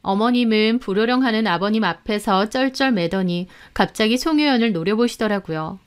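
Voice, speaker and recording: A woman narrating a dramatic first-person story in a measured way. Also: medium pitch, smooth.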